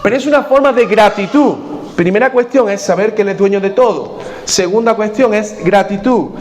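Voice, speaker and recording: A Spanish-pastor with a rather high voice delivers a sermon in a church. He asks his listeners questions and drives his main points home by repeating them. A faint hum of room noise sits under his voice. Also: normal speed, darkish tone. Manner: questions the congregation directly, repeats key points.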